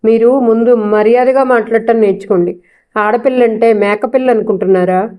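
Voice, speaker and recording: A woman's voice: a little high, steady tone, normal speed, dark tone, close to an everyday voice. A woman voicing a proud, defiant young wife with a cutting, sarcastic way of talking.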